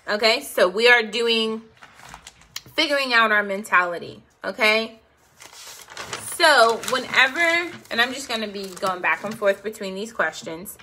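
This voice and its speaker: A woman's voice: mid-range voice, pushed and bright. A woman hosting a self-help video, coaxing viewers through a call-and-response affirmation exercise with encouraging murmurs.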